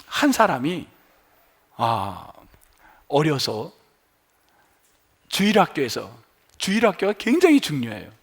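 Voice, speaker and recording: A man's voice: fairly high pitch, huge pitch swings, takes it slowly, vocal fry, long pauses, husky. A male pastor preaching a sermon in a church, telling a story animatedly and acting out the people's words. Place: church sanctuary.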